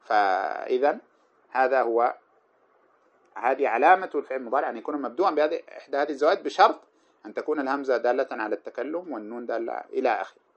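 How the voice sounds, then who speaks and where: A man teaching grammar, reciting lines of verse slowly and then explaining them with many short examples. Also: mid-range voice, animated. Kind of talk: explaining a grammar poem line by line. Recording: dull lo-fi recording.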